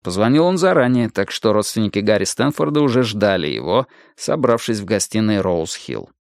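Man, audiobook narrator, deep-ish voice, steady and measured, dry close sound. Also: no echo. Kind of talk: scripted narration.

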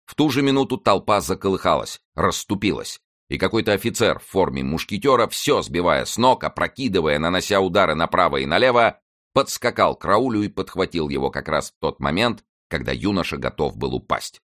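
A man's voice: sits low, animated, brisk, fairly bright tone, no echo, studio quality. A man narrating an adventure novel as an audiobook, reading dramatically.

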